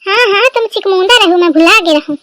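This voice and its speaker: A woman voicing a quarrelsome elder sister-in-law in a cartoon, with a sharp, bickering manner. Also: very high-pitched, fast, a little hiss or hum.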